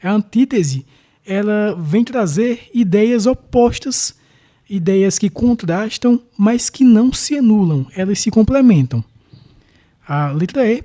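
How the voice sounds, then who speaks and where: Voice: mid-range voice, dark tone. A teacher with a Brazilian accent works through exam questions one by one, explaining each answer methodically. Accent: Brazilian Portuguese.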